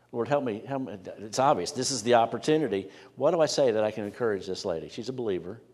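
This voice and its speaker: Earnest pastor in an echoing sanctuary. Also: male voice, on the low side. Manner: earnest, plain-spoken, dropping to a hush at key points. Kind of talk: sermon. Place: church sanctuary. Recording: preached in a reverberant church sanctuary.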